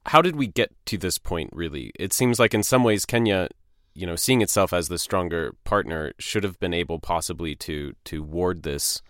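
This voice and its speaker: A man interviewing a guest, putting carefully framed questions in a measured way. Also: low-pitched, animated, fairly bright tone, no echo, studio quality.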